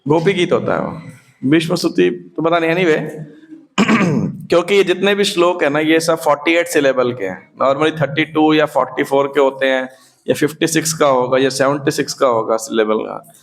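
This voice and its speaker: A man teaching a youth scripture class, asking the students questions, slipping into English and chanting verses slowly. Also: a little high, low-quality recording.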